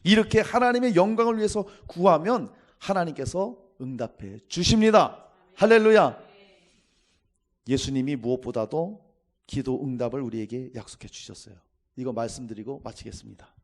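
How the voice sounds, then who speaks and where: A man's voice: fairly high pitch, sing-song, moderate pace. A middle-aged man preaching a sermon as pastor, emphatic, calling out hallelujah and acting out biblical voices.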